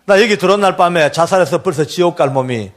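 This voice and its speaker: A man voicing his young son, a calm condemned inmate who speaks tenderly to his father. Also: sits high, quick pace, lightly acted. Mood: reassuring. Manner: gentle, tender pleading. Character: calm young male death-row inmate, devoted son.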